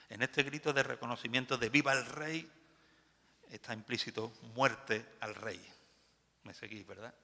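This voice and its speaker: A pastor from Spain preaching a sermon in an animated, emphatic way, full of rhetorical questions. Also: male voice, mid-range voice. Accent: Spain Spanish. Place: church. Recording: long church reverb.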